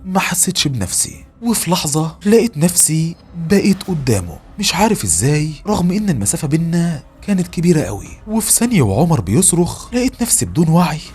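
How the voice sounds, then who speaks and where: A man's voice: on the high side, very animated, quick pace, darkish tone, breathy edge, soft background music. A man with an Egyptian Arabic accent narrating a first-person horror story in a tense, emotional way.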